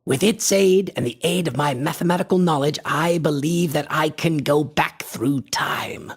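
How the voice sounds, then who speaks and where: In a radio horror drama, a male actor plays an obsessed, eccentric antiquarian visionary, his delivery husky, impassioned and pompous. His voice is on the high side at normal speed, with a grandiose, mystical mood.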